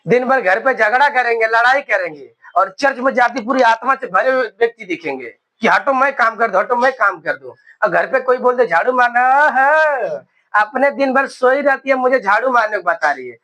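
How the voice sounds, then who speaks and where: A young male preacher in his twenties with a very high, bright and forceful voice. He delivers a sermon, calls out hallelujah again and again, and drags out key words for emphasis. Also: expressive, rough recording. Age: 20s. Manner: exclaims hallelujah often, slows for emphasis.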